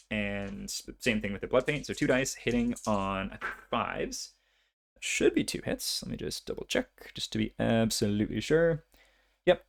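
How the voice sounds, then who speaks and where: A man's voice: mid-range voice, creaky. A young man casually narrating his own turns in a solo tabletop board game, thinking aloud and counting dice as he goes.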